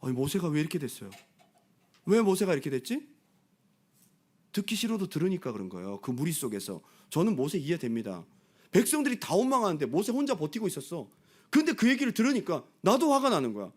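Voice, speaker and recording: Animated Korean pastor, lively high voice. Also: male voice, brisk, breathy edge. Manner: animated, acts out crowd voices and quotes. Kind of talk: Bible study sermon. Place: church.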